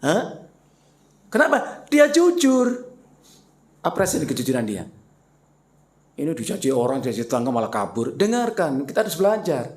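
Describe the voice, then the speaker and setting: A man preaching a mosque lecture, animated and rhetorical, turning often to his listeners with questions. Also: medium pitch, fairly quick, pauses often. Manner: animated, rhetorical questions, addresses the congregation directly.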